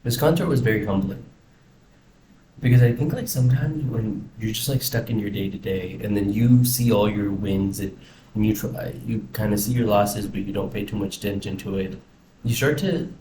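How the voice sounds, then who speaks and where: A young man from the United States, a vlogger, reflects casually in a rambling video diary recorded inside a house. His dark-toned voice is fairly low and moves at a moderate pace, heard through a roomy echo and faint background noise.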